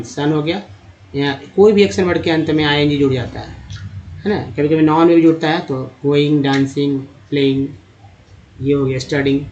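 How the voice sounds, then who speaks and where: Man spelling out English sounds. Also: fairly high pitch. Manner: spells out letters and sounds them out patiently. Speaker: English reading teacher. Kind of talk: slide-based reading lesson. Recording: dull lo-fi recording.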